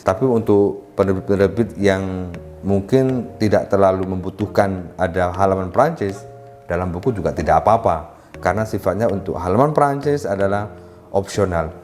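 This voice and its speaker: A man with a lowish voice teaches in a measured, orderly way, counting off points in turn. He speaks politely to his audience as ladies and gentlemen. Soft music plays faintly behind him. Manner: addresses listeners as "Bapak Ibu", lists points step by step. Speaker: writing instructor. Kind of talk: explanatory lesson.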